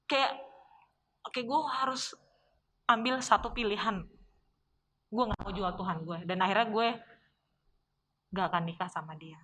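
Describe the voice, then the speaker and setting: A woman's voice: mid-range voice, measured pace, pauses often, sharp tone. A young woman telling her personal life story on a podcast, candid and emotional. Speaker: podcast guest.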